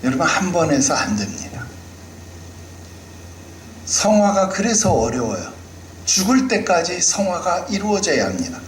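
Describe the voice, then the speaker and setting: A man's voice: high-pitched, very animated, a little slow, long pauses, reverberant, slight background noise, low-quality recording. A male pastor preaching a sermon with emphasis, often putting rhetorical questions to the congregation.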